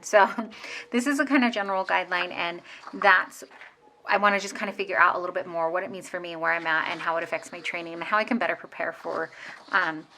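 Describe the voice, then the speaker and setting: A woman's voice: medium pitch, sharp tone. A woman in her thirties chatting casually as she sets up her planner at home, rambling with fillers and restarts. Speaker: planner vlogger. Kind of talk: casual plan-with-me narration.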